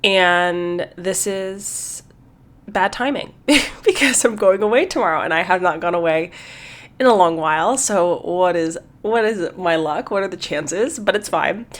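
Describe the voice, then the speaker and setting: A woman's voice: fairly low pitch, unhurried, fairly bright tone. A woman hosting her own podcast in casual solo talk, a little congested, chatty and repeating words as she thinks. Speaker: podcast host.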